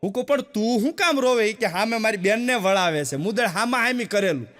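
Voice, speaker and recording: A man's voice: high voice, lively intonation, a little fast, fairly bright tone, long reverb tail, a little hiss or hum. A man from Gujarat, telling village jokes on stage and acting out both sides of each exchange. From Gujarat, India. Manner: tells village jokes with quoted dialogues, repeats punchlines. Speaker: stand-up comedian. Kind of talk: folksy stand-up joke telling. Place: stage show before an audience.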